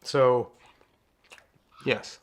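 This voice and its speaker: A man co-hosting a home cooking vlog, rambling and joking while he chats about food. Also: very slow. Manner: jokey, rambling, laughs easily. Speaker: keto vlog co-host. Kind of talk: casual chat.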